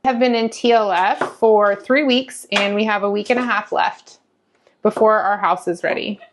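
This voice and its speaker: A woman's voice: mid-range voice, steady tone, normal speed, noisy background. A woman who is a military spouse, talking through life on base in a matter-of-fact, chatty way with wry asides, recorded on a lapel mic in a small apartment kitchen. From United States. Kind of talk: casual explainer vlog. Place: small temporary lodging apartment kitchen, indoors. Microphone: clip-on lapel mic.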